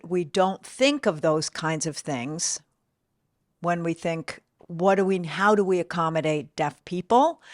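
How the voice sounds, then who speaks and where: A woman's voice: lowish voice, dry recording, studio quality. A woman co-presenting an informal talk, explaining things plainly and checking in with rhetorical questions. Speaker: co-presenter from a deaf services center.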